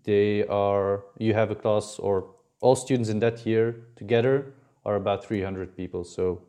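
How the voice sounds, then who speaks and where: In a casual interview, a young adult male podcast host rambles through his questions, restarting and using fillers. He speaks at a measured pace in a lowish, dark-toned voice with fairly even intonation.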